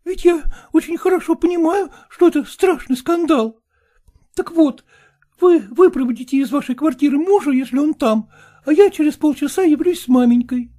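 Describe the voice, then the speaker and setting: Man voicing a young woman, tearful, pleading, scornful, high-pitched, dark-toned. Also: normal speed.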